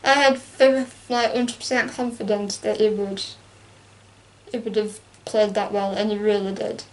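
A woman's voice: mid-range voice, normal speed, a little hiss or hum. A young woman chatting casually about a film she watched, acting out lines and laughing as she goes. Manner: chatty and animated, acts out quotes with laughs. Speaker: co-host. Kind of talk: casual chat reviewing a film.

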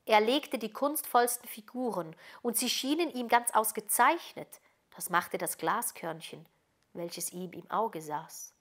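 A woman reading a fairy tale aloud as storyteller, slow, deliberate and softly expressive. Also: mid-range voice.

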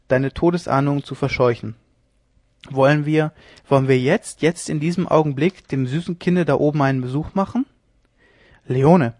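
A man's voice: mid-range voice, dry recording, natural voice. Man putting on a wild young lieutenant, boisterous, theatrical, mocking, dry close audiobook sound. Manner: exuberant, theatrical, loudly teasing. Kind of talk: audiobook character reading.

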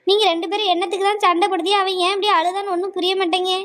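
A performer voices a worried, fretful elderly mother-in-law in a cartoon family drama. Her squeaky, very high voice hurries along, pleading and insistent, with a flat delivery and a slightly bright tone.

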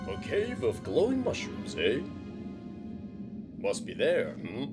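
An actor voicing a boastful, sneaky male thief villain in an animated series, with a sly, theatrical, gloating manner over loud music. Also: medium pitch, takes it slowly. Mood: swaggering. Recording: music score behind voice.

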